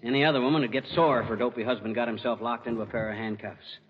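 A man's voice: mid-range voice, fairly even intonation, racing, natural voice. A man playing a bumbling, boastful husband in 1940s radio comedy, wisecracking and chuckling. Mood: blustering. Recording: dull old radio broadcast with reverb and hiss.

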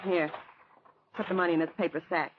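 Actress as a curt, low-voiced female bank robber. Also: fairly even intonation, a little fast, natural voice. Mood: hard, commanding. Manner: curt, commanding. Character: tough, bossy female bank robber staging a stick-up. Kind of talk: old-time radio crime drama acting. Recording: muffled, noisy old radio recording.

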